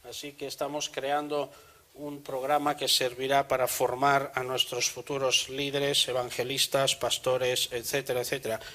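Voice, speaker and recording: A man preaching a sermon in church, measured and earnest, also reading scripture aloud. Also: medium pitch, level tone, bright, forceful tone, low-quality recording.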